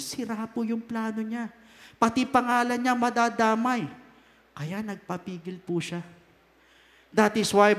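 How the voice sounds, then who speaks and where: High-voiced Filipino male preacher. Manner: emphatic, swings between loud and soft; mixes Tagalog and English. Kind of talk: sermon. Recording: long hall reverb.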